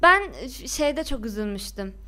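A young woman in animated casual chat about a TV series, giving blunt, emphatic opinions. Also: on the high side, moderate pace, clean tone.

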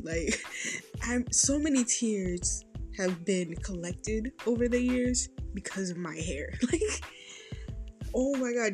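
A young woman chatting casually to camera as a vlogger, animated and laughing often, with lots of "like"s. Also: medium pitch. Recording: faint music behind.

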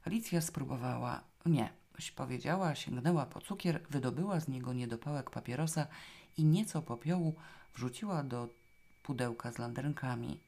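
A woman reading a novel aloud in the first person, with a wry, lively storytelling manner. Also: very deep voice, moderate pace. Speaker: audiobook reader. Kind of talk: scripted first-person narration.

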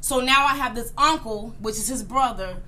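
A woman's voice: a little high, moderate pace, bright, forceful tone, a little hiss or hum. A woman in her late thirties telling a personal story in casual chat, blunt and profane, acting out the voices of people she quotes. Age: 30s.

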